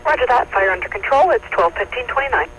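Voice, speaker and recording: A man working as a fire dispatcher, heard over a two-way radio, briskly reading back calls and giving times. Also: very high-pitched, expressive, bright, forceful tone. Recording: muffled radio with faint static.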